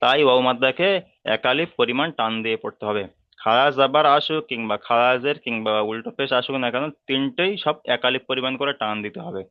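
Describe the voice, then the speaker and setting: This muffled, echo-free recording features a man with a Bengali accent and a medium-pitched voice. He teaches reading slowly and step by step, drawing out each sound and patiently going over every term again.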